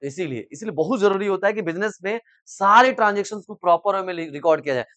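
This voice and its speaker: एक अधेड़ उम्र का पुरुष शिक्षक कोचिंग की कक्षा में छात्रों को लेक्चर दे रहा है। वह आसान हिंदी में रोज़मर्रा के उदाहरण देकर समझाता है और बार-बार छात्रों से पूछता है कि बात समझ आ रही है या नहीं।. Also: male voice, sits high, expressive, fast, fairly bright tone, no echo. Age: middle-aged. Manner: repeatedly asks "samajh mein aa raha hai?" and prods students to answer; explains in simple Hindi with everyday examples. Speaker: commerce coaching teacher. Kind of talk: classroom lecture. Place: coaching classroom.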